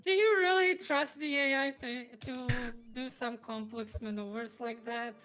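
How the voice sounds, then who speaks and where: A woman hosts a gaming stream in casual, chatty fashion. Her voice sits fairly high and carries a slight robotic tinge from a voice changer. Faint music plays behind her. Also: steady tone, measured pace, fairly bright tone. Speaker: streamer, host.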